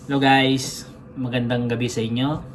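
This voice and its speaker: A man's voice: mid-range voice, flat delivery, moderate pace. Man co-host, jokey and easygoing, home vlog, faint background noise. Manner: playful, jokey, laughs while talking. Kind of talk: casual vlog greeting. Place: at home indoors.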